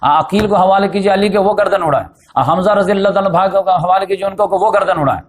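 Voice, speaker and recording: A man giving a religious lecture in storytelling form, sprinkling in English words and growing emphatic when he voices the people in his story. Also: high voice. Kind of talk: Urdu religious lecture on the Prophet's life.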